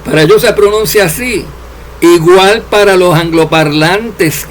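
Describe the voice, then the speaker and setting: A man preaching a sermon, addressing his listeners directly and letting his voice drop low and soft at the ends of phrases. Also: a little slow, slight background noise. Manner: addresses listeners as dear servants, drops voice at endings.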